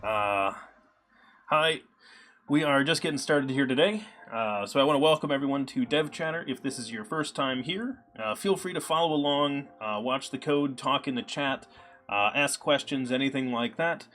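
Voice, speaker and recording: A man's voice: medium pitch, moderate pace. A man live-streaming his coding, talking casually with many fillers, his voice a little scratchy from a cold. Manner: relaxed, chatty, many ums and uhs. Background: soft background music.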